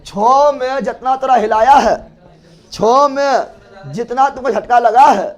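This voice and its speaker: Man, very high voice, classroom teacher, drills answers by repetition. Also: slow pace. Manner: repeats key words and quizzes the class; loud, drilling call-and-response. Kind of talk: classroom lecture.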